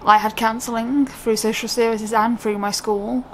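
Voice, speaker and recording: A woman's voice: a little high, flat delivery, moderate pace, fairly bright tone, slight background noise, low-quality recording. A young British woman talking to camera in a casual, unscripted way, candid and rambling, often breaking off her own sentences. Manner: candid, rambling, self-interrupting. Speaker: vlogger.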